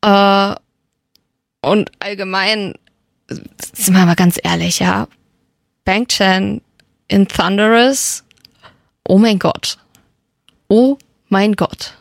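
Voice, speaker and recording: A woman's voice: medium pitch, steady tone, very slow, vocal fry, pauses often, dry recording, clean studio sound. A young woman radio host, chatting casually and enthusiastically as a fan, with many fillers. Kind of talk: casual radio chat about K-pop.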